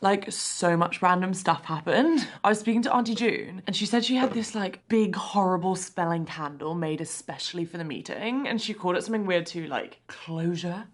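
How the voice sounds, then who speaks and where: A woman's voice: fairly low pitch, normal speed, few pauses, close to an everyday voice. An actress playing a chatty, gossipy young woman who fills her talk with "like". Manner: gossipy, peppers speech with "like". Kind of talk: video game dialogue.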